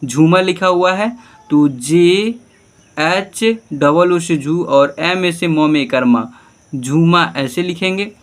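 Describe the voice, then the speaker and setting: A man's voice: on the high side, slow pace. A male teacher giving an online spelling lesson, patiently spelling names out letter by letter and often checking that the children follow. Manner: often says "okay" and checks understanding.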